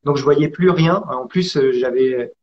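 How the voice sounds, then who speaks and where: A man from France telling his story as an interview guest, hesitant with many pauses and restarts. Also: mid-range voice, dull audio. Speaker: interview guest, acrobat and actor.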